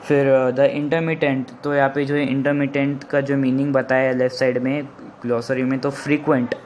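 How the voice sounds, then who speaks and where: A male English teacher explaining a textbook lesson line by line, rephrasing often and reading the English passages slowly. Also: mid-range voice, flat delivery, a little mellow, a little hiss or hum, low-quality recording. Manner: reads English lines slowly and deliberately.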